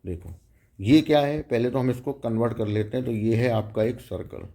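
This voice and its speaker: A man's voice: mid-range voice, normal speed, warm tone. A man teaching a math lecture, explaining step by step and often checking in with the students.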